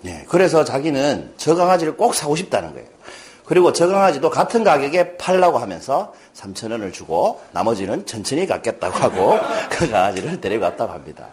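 A man's voice: mid-range voice, a little fast. A man giving a lecture to an audience, telling stories and acting out the characters' lines. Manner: lively, acts out quoted characters. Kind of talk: lecture with storytelling.

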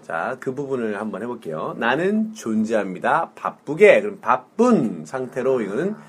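A man teaching English one-on-one, playful and laughing often, drilling short phrases slowly. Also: mid-range voice, sing-song, breathy edge.

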